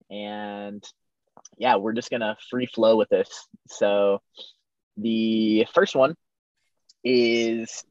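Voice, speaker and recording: A man's voice: mid-range voice, no echo. A young man from California hosting a casual podcast, recorded inside a small camper van. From California, USA. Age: young adult. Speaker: podcast host. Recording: slightly dull, dry, inside a camper van.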